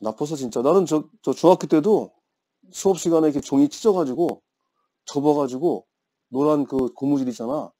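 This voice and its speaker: A man's voice: fairly high pitch, moderate pace, mellow. A man in his fifties teaching an English grammar class, telling playful stories and teasing his students. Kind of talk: classroom lecture with chatty anecdotes.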